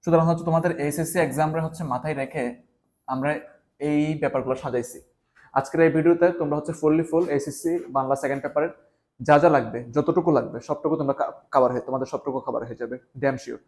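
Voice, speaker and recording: Fast-talking, emphatic male exam tutor. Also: fairly high pitch, a little mellow. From Bangladesh. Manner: repetitive, emphatic, addresses students directly. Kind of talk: exam-prep lesson.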